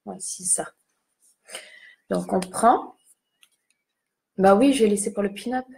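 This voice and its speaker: A woman's voice: mid-range voice, slow pace, gravelly, a little mellow. A young woman chatting casually while doing a makeup tutorial, self-mocking and talking to her viewers as she applies lipstick. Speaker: beauty vlogger.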